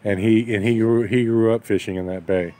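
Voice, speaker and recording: A middle-aged or older man, an expatriate farmer who vlogs, chats casually outdoors at a waterside building site, telling things in a folksy, rambling way. His voice is on the low side and warm, with fairly even intonation and a fairly quick pace. The outdoor recording is noisy with ambient background noise.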